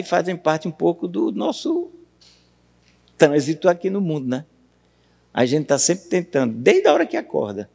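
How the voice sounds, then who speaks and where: A man with a Brazilian Portuguese accent giving a university lecture on poetry, questioning the audience and reciting verse slowly. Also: on the high side, a little mellow. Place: university auditorium. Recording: long hall reverb.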